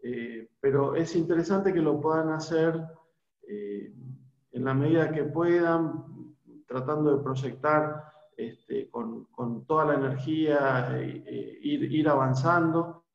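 Speaking slowly with vocal fry in a fairly high voice, a man in his forties, an Argentine-accented university lecturer, talks informally to prospective students over a video call, hesitant and riddled with fillers and restarts. His laptop webcam in a small room at home produces echoey, dull, lo-fi audio.

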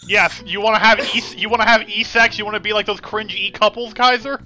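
A man's voice: high voice, steady tone, fairly quick, music in the background. A young man with a lisp, co-hosting a let's play in crude, sarcastic casual gaming chat. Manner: crude, sarcastic banter with frequent swearing.

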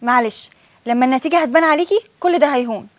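Egyptian woman, high voice, racing bossy lines, dry close sound. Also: rapid-fire, dry recording. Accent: Egyptian Arabic. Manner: bossy, lecturing. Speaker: friend in comedy sketch.

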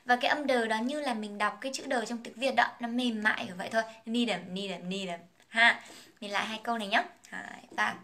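A woman's voice: a little high, steady tone, quick pace, pushed and bright. A young woman whose first language is Vietnamese, teaching an English song, explaining phrases and pronunciation and singing lines in a casual, chatty way.

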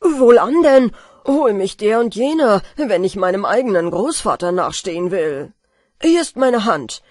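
A woman voicing a cheeky, bold young fisherman in a storybook reading, louder and eager. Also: mid-range voice, lively intonation, a little slow, no room sound, studio quality.

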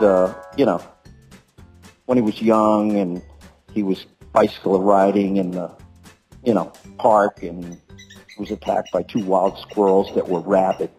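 A dad leaving a rambling, meandering voicemail for a friend in a folksy, wandering way. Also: male voice, on the low side, a little mellow, low-quality recording.

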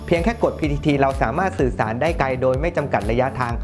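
A man delivers a scripted explainer as a product presenter. He speaks to camera, and music plays clearly behind his voice. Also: medium pitch, fast talker. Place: small bright indoor showroom. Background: background music.

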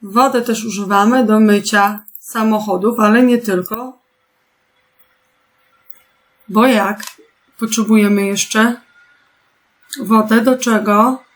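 A woman teaching a remote lesson to young pupils, patient and clear, asking them gentle questions. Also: mid-range voice, steady tone. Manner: slow, patient, clearly articulated instructions. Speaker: primary school teacher.

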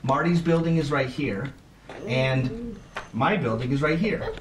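A man's voice: a little high, expressive, unhurried. A man explaining the rules of a board game to players at a table in a casual, chatty way, laughing often. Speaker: game teacher. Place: room around a table game. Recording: echoey room from a distance, faint noise.

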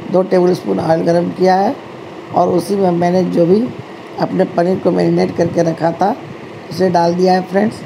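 Woman doing a cooking video at home, gravelly kinda flat voice, chatty, fixes her words a lot, ac humming behind. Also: fairly low pitch, noisy background. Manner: chatty, addresses viewers as friends, frequent self-corrections. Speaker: cooking channel host. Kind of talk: home cooking tutorial voice-over. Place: home kitchen.

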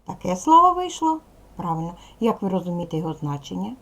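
Woman teacher, video lesson for young kids, animated intonation, gravelly edge, clear patient delivery. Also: on the low side, fast talker. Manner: clear, patient, addressing pupils directly. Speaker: primary school teacher. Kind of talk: recorded video lesson for children.

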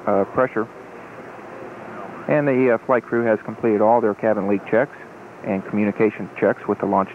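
A man giving calm, matter-of-fact official countdown commentary, with hesitant pauses. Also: fairly low pitch, narrow, tinny audio. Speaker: launch countdown public affairs commentator. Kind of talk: measured official live commentary. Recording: thin 1980s broadcast feed with faint noise.

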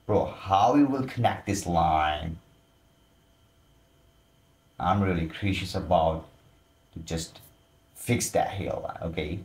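A man's voice: low-pitched, slow pace, pauses often. A man giving casual voice-over commentary with frequent exclamations and loose, informal phrasing. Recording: roomy echo.

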